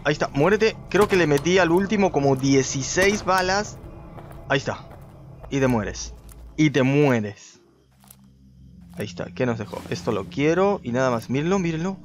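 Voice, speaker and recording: A man giving let's play commentary, talking to viewers and shooting up in pitch when startled. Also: fairly quick, slight background noise. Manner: excitable, talks to viewers, jumps high when startled. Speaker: gaming video host.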